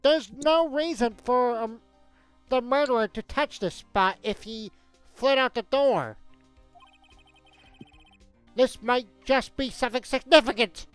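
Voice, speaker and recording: A woman reading a composed male prosecutor's lines in a calm, measured voice during a game played with friends. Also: a little high, clean tone, soft background music, close to an everyday voice.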